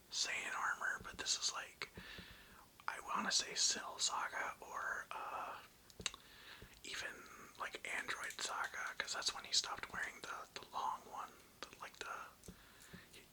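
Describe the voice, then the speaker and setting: An ASMR video creator whispers close to the mic, rambling in a casual, slangy, nostalgic way that is hesitant and wandering. The pace is a little slow and the recording sounds rough.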